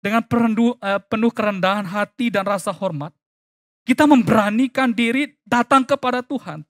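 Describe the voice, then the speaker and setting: Male preacher, emphatic sermon delivery with hushed asides, dry close-miked sound. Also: moderate pace, dry recording. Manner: emphatic, swinging between loud stresses and quiet low asides; keeps addressing the congregation with tag phrases. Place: church.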